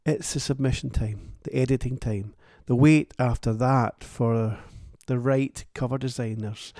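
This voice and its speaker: A man's voice: mid-range voice, gravelly, warm tone, no echo, studio quality. A man who writes books, hosting his own show in a wry, plain-spoken and thoughtful solo monologue. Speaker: author and podcast host.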